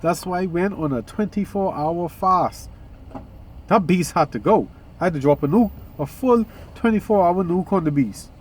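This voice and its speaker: A man's voice: sits high, normal speed, a little hiss or hum. Rambling man hosting a spiritual vlog. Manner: rambling with restarts, yawning. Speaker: vlog host. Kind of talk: casual spiritual vlog talk.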